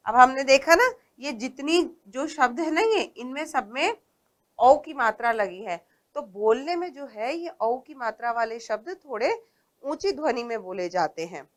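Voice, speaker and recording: Lady teacher reading words out slow for little kids, a bit high, stretches every word. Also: lively intonation. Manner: slow, patient, stresses and stretches each word; asks questions and answers them herself. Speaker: primary school teacher. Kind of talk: Hindi phonics lesson for young children.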